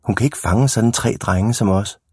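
An eager, mischievous young boy from a storybook, put on by a man reading aloud. The voice is pitched up, soft and a bit husky, with a dry, close sound. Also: no echo.

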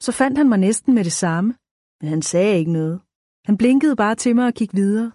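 A woman's voice: mid-range voice, lively intonation, warm tone, no echo, clean studio sound, natural voice. A woman voicing a chatty schoolgirl with a crush, speaking in a gushing, sing-song way. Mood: dreamy.

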